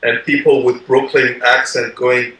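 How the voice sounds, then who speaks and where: A man in a group gathering who eagerly tells a story in an earnest, excited way. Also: mid-range voice, a little slow. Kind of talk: casual group chat. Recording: roomy echo, far from the mic.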